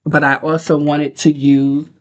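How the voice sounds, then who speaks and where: A man's voice: on the high side, flat delivery, measured pace. A man chatting informally as a book livestream host, talking in a rambling, conversational way. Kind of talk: casual livestream chat.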